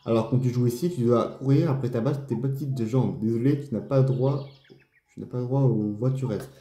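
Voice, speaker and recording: A man reading a stern male golf club official's lines aloud, slow and deliberate, as he plays a game. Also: mid-range voice, dark tone, lightly acted. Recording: roomy echo, faint game music.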